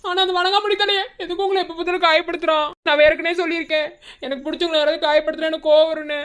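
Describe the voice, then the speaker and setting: Woman doing a lovestruck college guy in a cartoon, very high voice, earnest and pushy. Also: level tone, rapid-fire, fairly bright tone. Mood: coaxing. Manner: earnest, coaxing and persistent. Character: young man college student, devoted and protective. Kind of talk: Tamil cartoon voice acting.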